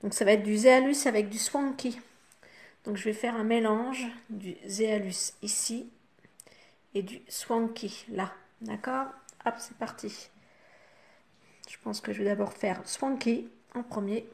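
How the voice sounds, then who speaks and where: Une femme francophone au ton bavard, qui explique pas à pas son maquillage aux spectatrices avec beaucoup de « hop » et « voilà ». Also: female voice, a little high, steady tone, unhurried, creaky, a little mellow. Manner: chatty, talks the viewer through each step with fillers like "hop" and "voilà". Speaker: makeup vlogger. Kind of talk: casual makeup tutorial.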